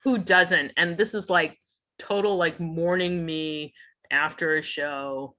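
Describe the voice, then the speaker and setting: A woman's voice: low voice, steady tone, slow pace, sharp tone. A middle-aged woman musician chatting as a guest in an interview, talkative and laughing often between phrases. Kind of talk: casual interview chat.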